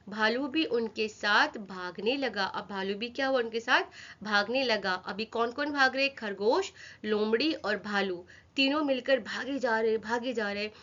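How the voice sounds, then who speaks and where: A woman teacher tells a children's story, repeating each step and asking her class questions along the way. Her voice is bright and a little high. The recording sounds dull and lo-fi.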